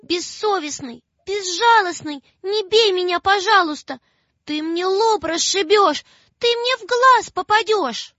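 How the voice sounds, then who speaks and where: A woman's voice: animated, slow, fairly bright tone, dry recording, full character voice. A woman voicing a frightened little girl who cries and pleads in rhyming lines. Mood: pleading. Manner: high, crying, rhyming pleas. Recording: dull lo-fi sound with faint music.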